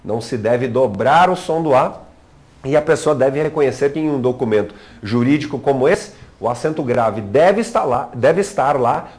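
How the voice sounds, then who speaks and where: A man's voice: medium pitch, a little mellow. A man, teaching a grammar lesson in an explanatory way, asking rhetorical questions and checking in with the viewer. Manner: didactic, asks rhetorical questions and leans on "né".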